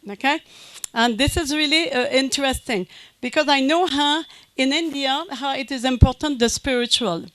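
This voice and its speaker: A woman's voice: sits high, a bit bright, dry recording. A middle-aged French Canadian woman, a native French speaker, giving a conference talk in a hesitant way, with many fillers and restarts. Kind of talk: conference presentation.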